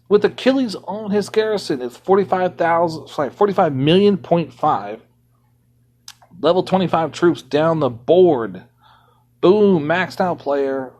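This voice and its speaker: A man's voice: a little high, darkish tone. A man streaming a game from home, ranting indignantly in casual commentary.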